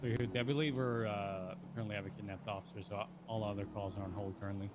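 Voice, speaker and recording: A man acting as police dispatcher in game role-play, briskly giving orders over the radio. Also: lowish voice, steady tone. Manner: brisk, businesslike. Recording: radio chatter with heavy static.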